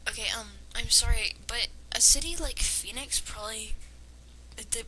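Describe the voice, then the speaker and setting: Her voice is fairly high, pushed and bright, at normal speed. As an amateur reader and commentator of fan fiction, she reads dramatically and adds casual mocking asides that are sarcastic, nitpicking and hesitant, all on a clearly noisy amateur home recording.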